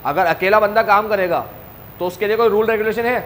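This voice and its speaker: High-voiced man teaching a coaching class, drilling students with questions and answers. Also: brisk, a bit bright, a little hiss or hum. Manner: talks straight to students, asks questions and answers them himself. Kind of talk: classroom lecture.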